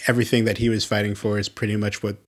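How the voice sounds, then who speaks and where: A man's voice: on the low side, level tone, rapid-fire. A man hosting a podcast in a playful, jokey way and often laughing. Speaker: podcast host. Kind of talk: casual podcast chat.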